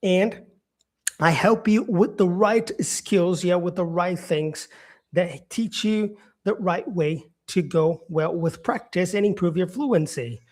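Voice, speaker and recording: A man from Brazil teaching English in a live stream, speaking slowly with many "yeah" and "um" fillers, repeating and rephrasing his points. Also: high voice, a little mellow. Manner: repeats himself, answers viewer comments, frequent "yeah" and "um".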